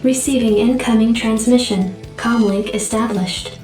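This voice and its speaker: A woman voicing a calm, formal military computer in a video game, with clipped, impersonal announcing and synthetic processing. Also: on the high side, unhurried. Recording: echoey, distant, music behind.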